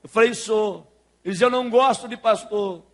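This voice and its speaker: A man preaching a sermon as pastor, telling a story with acted-out dialogue and building to loud, fervent preaching. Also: high-pitched, normal speed. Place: church sanctuary.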